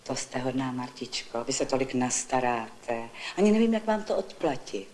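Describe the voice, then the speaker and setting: A woman reading as a meek, soft-spoken young mother. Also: extremely low pitch, very animated, a little hiss or hum, voice pushed down. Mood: gentle. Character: meek bedridden young mother, gentle and admiring. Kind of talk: literary story reading.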